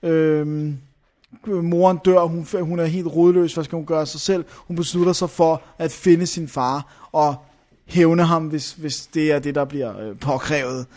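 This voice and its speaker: A man's voice: on the high side, steady tone, darkish tone. A young man chatting casually about a film, rambling, searching for names and filling gaps with hesitations. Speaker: film reviewer.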